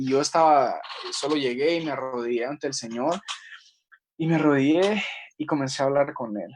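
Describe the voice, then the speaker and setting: A man teaching a Bible study, preaching earnestly and reading scripture slowly with many pauses. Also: mid-range voice.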